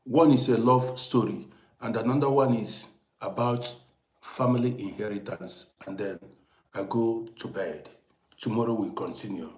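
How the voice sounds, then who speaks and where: A fifty-eight-year-old man from Vienna, Austria, hosts an informal livestream as a storyteller, speaking emphatically to viewers and insistently repeating his phrases. His voice sits on the low side, with a steady tone and normal speed. The room sounds echoey.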